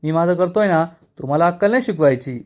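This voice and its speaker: A man's voice: on the high side, expressive, a little fast, close to an everyday voice. A man voicing a quarrelsome young man who snaps and grumbles. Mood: sulky. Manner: snappy, grumbling.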